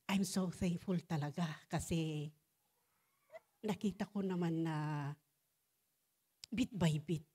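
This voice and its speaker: Slow, low-voiced woman preaching. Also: mellow, slightly rough. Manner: mixes English and Tagalog, frequent fillers, asks "Amen?". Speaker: church speaker. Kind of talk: sermon testimony.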